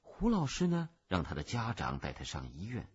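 A man's voice: low voice, wildly swooping pitch, moderate pace, breathy edge, pitched below the performer's own voice, heavily acted. A man doing a scornful schoolteacher. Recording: muffled lo-fi recording.

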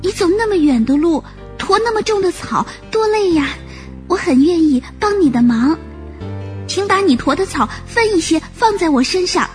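A woman's voice: extremely high pitch, animated, moderate pace, faint music behind, pitched above the performer's own voice. A woman voicing a timid young fawn that stammers and is close to tears. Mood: grateful, eager. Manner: hesitant, stammering, on the verge of tears.

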